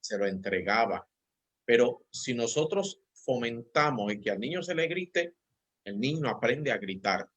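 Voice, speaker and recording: A man, a pastor on a church talk show, calmly discussing parenting with personal anecdotes. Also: medium pitch, unhurried, lo-fi sound.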